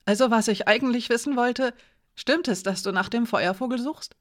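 A woman reading a cheerful, eager teenage boy scribe in an audiobook, in a higher, lively voice. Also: moderate pace, lightly acted.

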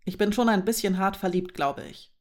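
A woman voicing a shy, easily overwhelmed young woman in love, murmuring quietly in a German audiobook. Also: medium pitch, animated, moderate pace, natural voice.

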